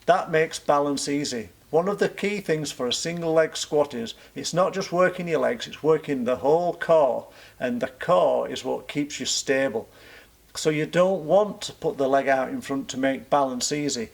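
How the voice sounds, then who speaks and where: A man's voice: on the high side, moderate pace, gravelly. A man talking informally to camera as a coach in an instructional vlog, posing questions and answering them himself as he explains. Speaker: running coach and club vlog host.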